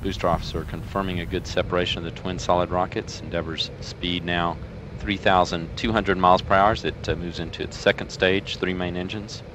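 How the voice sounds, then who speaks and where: Low, flat American man on mission control radio. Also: fairly quick. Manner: matter-of-fact, even. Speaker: mission control launch commentator. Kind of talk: measured technical launch commentary over mission control radio. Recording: loud roaring aircraft-like cabin noise. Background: loud rumbling spacecraft cabin noise.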